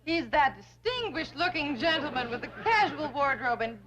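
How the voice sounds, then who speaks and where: An actress playing a sassy, wisecracking young bank secretary, in 1960s sitcom style. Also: female voice, high-pitched, very animated, moderate pace, a bit bright.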